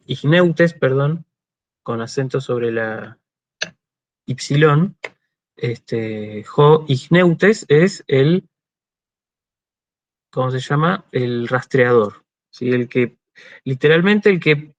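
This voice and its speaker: Speaking in a mid-range voice over lo-fi audio with no echo, an Argentine man teaches an online university class. His explanations are patient, peppered with "este" fillers and frequent "¿sí?" checks on his audience.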